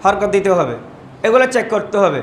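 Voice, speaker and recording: A man with a strikingly high voice teaches a class, stretching each syllable out slowly and half singing the sounds for the students to repeat. The room is echoey, and steady noise sits behind him. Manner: slow, drawn-out syllables, sing-song recitation. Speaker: Quran teacher. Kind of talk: teaching a class, call and response.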